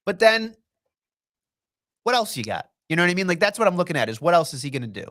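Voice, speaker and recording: A man co-hosting a podcast with joking, profane chatter. His voice is high and swings widely in pitch as he talks. It is a loose, casual conversation. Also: sing-song, fast, a bit bright. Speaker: podcast co-host. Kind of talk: casual wrestling chat.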